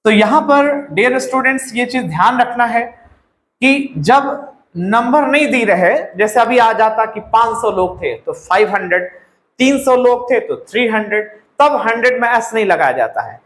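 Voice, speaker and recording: A man's voice: extremely high pitch, animated, normal speed, a bit bright, roomy sound, low-quality recording. A man with an Indian accent teaching English grammar, explaining step by step and repeating words and phrases. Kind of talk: classroom-style grammar lesson.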